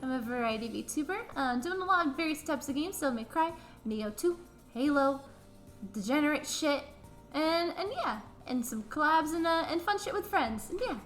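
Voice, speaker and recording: High-voiced excitable woman streamer. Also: moderate pace, soft background music. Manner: excitable, swears casually, stumbles and restarts. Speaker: VTuber streamer host. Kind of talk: casual stream chat and game voice acting.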